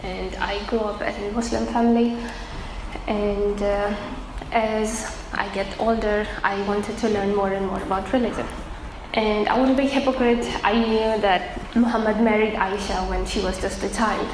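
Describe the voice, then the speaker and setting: A woman from Afghanistan giving an earnest personal testimony, pausing often with fillers. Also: medium pitch, steady tone. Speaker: testimony speaker. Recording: echoey room with faint noise.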